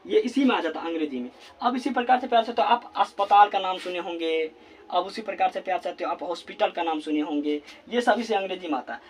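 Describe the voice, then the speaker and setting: Man teaching at a board, high voice, repeats words while writing, faint noise behind. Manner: repeats words slowly while writing, constant filler phrase. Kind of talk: classroom grammar lesson at a board. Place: classroom with a board.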